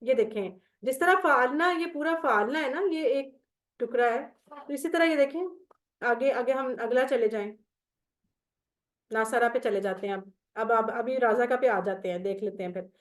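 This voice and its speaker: A woman's voice: fairly high pitch, normal speed. A woman teaching Quranic Arabic grammar in an online class, patient and step by step, reciting verb tables. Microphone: video call.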